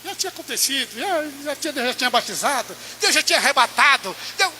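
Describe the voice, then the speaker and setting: A Brazilian man preaches in church, sharing his own testimony in an extremely high, expressive voice at a fairly quick pace. His impassioned delivery keeps rising toward near-shouted peaks, with slight background noise behind him.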